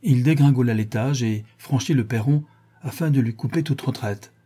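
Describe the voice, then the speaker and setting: Audiobook narrator, man, mellow and dark-toned, steady reading. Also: medium pitch, normal speed, breathy edge.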